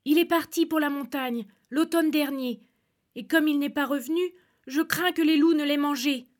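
A woman reading a storybook aloud, voicing a shepherd's wife who frets and scolds in a raised, high voice. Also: moderate pace, natural voice. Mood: worried. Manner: fretful, scolding. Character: worried, sharp-tongued shepherd's wife.

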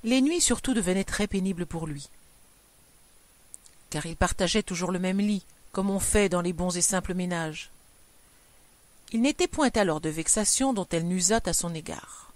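A woman reading a classic story aloud in an expressive, measured narration. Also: on the low side, dry recording. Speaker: reader.

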